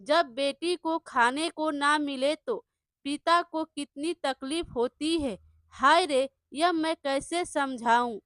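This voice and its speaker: A humble, soft-hearted poor farmer, voiced by a woman storyteller, speaks in a pleading way. The voice is high and bright and the delivery is unhurried. The sound is dry and close. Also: no echo. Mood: grieving.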